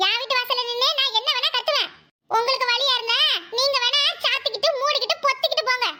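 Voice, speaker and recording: A woman's voice: extremely high pitch, fairly even intonation, quick pace, pushed and bright, full character voice. A woman voicing a quarrelsome, sarcastic neighbor woman in a cartoon, with a Kanyakumari Tamil accent. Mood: scolding. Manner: scolding, sarcastic, indignant. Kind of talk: cartoon voice acting.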